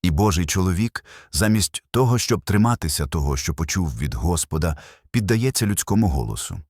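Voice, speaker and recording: Male preacher, very low and husky, solemn emphatic sermon read, lively rising and falling delivery. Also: fairly quick, dry recording, clean studio sound. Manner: solemn, emphatic, builds with short repeated phrases. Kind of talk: scripted sermon narration.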